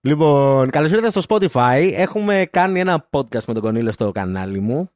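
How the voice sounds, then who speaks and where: Playful, lively-voiced man hosting a chat. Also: mid-range voice, dry recording, studio quality. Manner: playful, teasing, laughs often. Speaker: podcast host. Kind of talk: casual chat.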